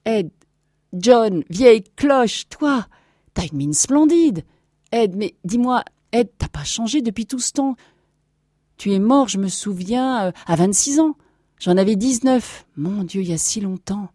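A woman acting out a stammering, overjoyed space captain in a read-aloud story. He sounds warm and dark, cries out over and over, and is recorded close and dry with no room sound. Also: medium pitch, animated, a little slow, no room sound, voice pushed up. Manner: breathless, stammering, overjoyed exclamations. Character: excitable middle-aged male space captain.

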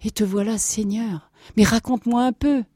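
A woman acting out a stammering, overjoyed space captain in a read-aloud story. He sounds warm and dark, cries out over and over, and is recorded close and dry with no room sound. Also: on the high side, fairly even intonation, normal speed, breathy edge, no room sound, pitched above the performer's own voice. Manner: breathless, stammering, overjoyed exclamations. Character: excitable middle-aged male space captain.

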